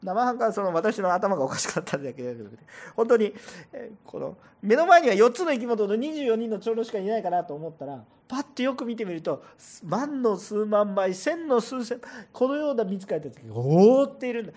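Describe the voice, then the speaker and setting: A man preaching a sermon to a church congregation as pastor, animated and asking listeners rhetorical questions. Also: high voice, a little fast. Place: church service before a congregation.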